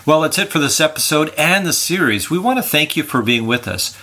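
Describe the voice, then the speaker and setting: Bright-voiced older man, earnest podcast host. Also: on the high side, lively intonation, brisk. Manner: earnest, encouraging.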